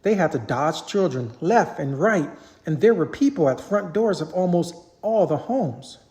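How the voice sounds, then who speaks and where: Reading a children's storybook aloud, a parent delivers each line with lively energy, the pitch rising and falling freely. The pacing stays measured.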